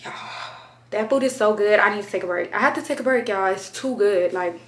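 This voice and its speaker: A young woman chatting to her camera at home in a slangy, expressive way. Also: medium pitch, fairly quick. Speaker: vlogger. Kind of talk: casual chat to camera. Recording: roomy echo.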